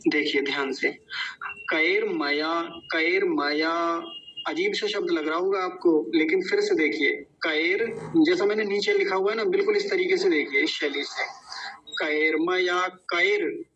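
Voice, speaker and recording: A man teaching Sanskrit verse pronunciation, patiently breaking long words into syllables and repeating each one slowly. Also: sits high, a bit bright, muffled recording. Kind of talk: slow syllable-by-syllable pronunciation lesson.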